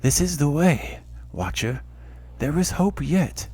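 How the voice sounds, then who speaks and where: A man voicing a solemn, commanding goddess in a fantasy game, with measured, poetic delivery. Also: fairly high pitch, expressive, darkish tone, husky, pitched above the performer's own voice, exaggerated voice. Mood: encouraging. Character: solemn, commanding goddess speaking through birdsong and wind. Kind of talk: amateur voice acting in a fantasy game.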